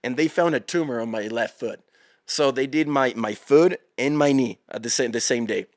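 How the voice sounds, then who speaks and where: A man as a podcast guest, telling stories in a casual, animated way and calling the listener bro and dude. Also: medium pitch, normal speed, dry recording, studio quality. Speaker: podcast guest, endurance athlete. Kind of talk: casual storytelling chat.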